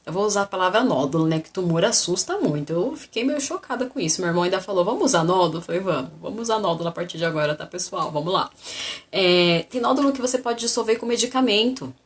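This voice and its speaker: Animated woman telling a story. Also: lowish voice, fast. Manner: animated, acts out the dialogue. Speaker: vlogger telling her health story. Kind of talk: casual storytelling vlog.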